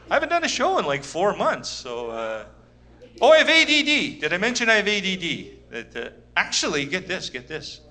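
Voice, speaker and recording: A man with a high, pushed, bright voice performs a stand-up set for a small live audience. He rambles, interrupts himself often, and keeps restarting.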